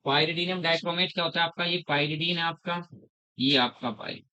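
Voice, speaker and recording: A middle-aged man teaching a chemistry class, slowly repeating terms, quizzing his students and calling them "beta". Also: on the high side, steady tone, sharp tone, clean tone, rough recording. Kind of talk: classroom lecture.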